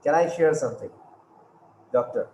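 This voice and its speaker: A man's voice: medium pitch, lively intonation, moderate pace, darkish tone. A man asking a question on a panel call, polite and hesitant, repeating himself. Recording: echoey room with faint background noise.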